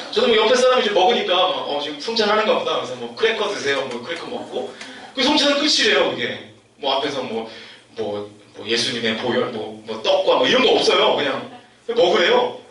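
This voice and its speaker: A man's voice: on the high side, pushed and bright. A male youth pastor preaching to young adults in a church, telling a story in a chatty way and acting out the voices he quotes. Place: church hall. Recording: echoey church hall, distant mic, faint noise.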